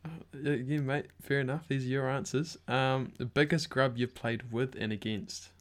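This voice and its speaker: Speaking at a normal speed in a mid-range voice with fairly even intonation, this young Kiwi host keeps the interview chat casual. His broad New Zealand accent carries a matey, slangy style, with plenty of "bro" thrown in.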